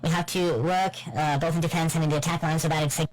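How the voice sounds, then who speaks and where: Halting live interpreter voice. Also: mid-range voice, steady tone, rough recording. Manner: halting, measured delivery with frequent fillers. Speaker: press conference interpreter.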